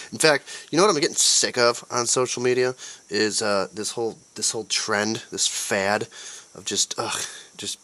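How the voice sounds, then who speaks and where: A man's voice: on the low side, fairly bright tone. A young man hosting a solo podcast, ranting sarcastically with lots of profanity. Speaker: podcast host.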